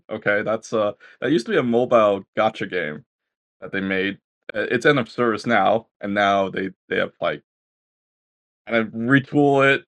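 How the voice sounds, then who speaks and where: A man co-hosting a casual video game chat, animated, who acts out game dialogue in high mocking voices and laughs often. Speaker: podcast co-host reviewing games.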